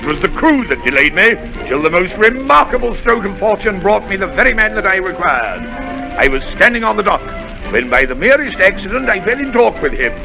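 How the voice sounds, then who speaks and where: An actor playing a boastful, excitable country squire in a 1930s radio drama, talking in a theatrical, exclaiming way. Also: male voice, high voice, fairly quick, gravelly, music in the background, exaggerated voice, poor audio. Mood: excited. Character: blustering, boastful middle-aged country squire.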